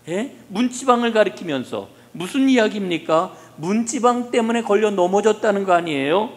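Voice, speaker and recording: Male pastor, sermon, somewhat high voice, rhetorical questions to the congregation, long church-hall reverb. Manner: asks the congregation rhetorical questions, swings between soft and loud emphasis. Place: church sanctuary.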